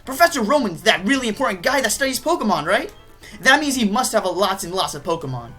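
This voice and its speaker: A woman voicing a cocky, impatient boy rival in a video game, brash and excited. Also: mid-range voice, fast, faint music behind, voice pushed up.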